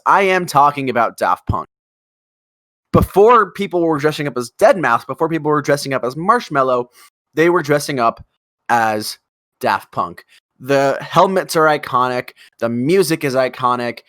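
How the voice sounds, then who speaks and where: Casual co-host: guy, mid-pitched, chatty and excitable, close dry mic. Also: no room sound. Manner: enthusiastic, rambling, swears casually. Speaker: podcast co-host. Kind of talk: casual chat.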